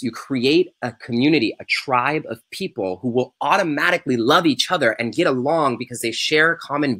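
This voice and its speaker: A man hosting a live webinar as a yoga business coach. He teaches and pitches in a casual, emphatic way and repeats his key phrases. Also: a bit bright, breathy edge. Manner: casual and unpolished by choice.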